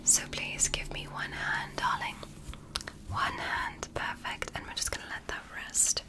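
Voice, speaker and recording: A woman whispers in an ASMR roleplay as a calm, clinical female alien doctor, her voice close to how she'd normally sound. She speaks softly and reassuringly, giving precise, measured instructions in a soothing mood.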